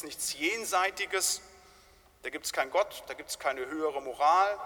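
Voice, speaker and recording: Emphatic high-voiced pastor preaching. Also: male voice, pushed and bright, long reverb tail. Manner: emphatic, with frequent tag questions. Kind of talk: sermon. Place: church.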